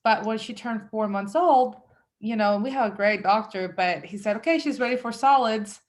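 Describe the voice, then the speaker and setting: Speaking at a moderate pace in a slightly high voice, a Salvadoran woman in her thirties talks casually about her business as an interview guest. She is chatty, filling her speech with fillers and quoting herself often in this conversational exchange.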